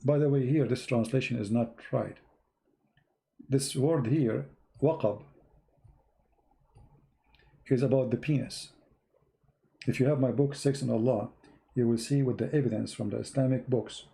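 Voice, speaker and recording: Unhurried and steady, a man with a dark, mid-range voice speaks with vocal fry and long pauses. His live-streamed religious talk in English, aimed at an online audience, is blunt and emphatic. He leans on repeated words for stress and uses non-native grammar.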